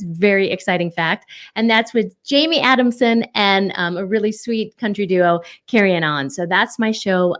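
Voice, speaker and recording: A woman hosting her own casual livestream from home, chatty and bubbly, with excited whoops between announcements. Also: mid-range voice. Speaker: livestream show host and singer-songwriter.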